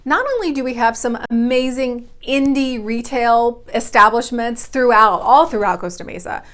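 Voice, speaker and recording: A woman's voice: on the high side, animated, moderate pace, fairly bright tone. Bubbly woman realtor vlogging. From Oklahoma. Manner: bubbly, gushing. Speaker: realtor and channel host. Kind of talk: enthusiastic vlog talk.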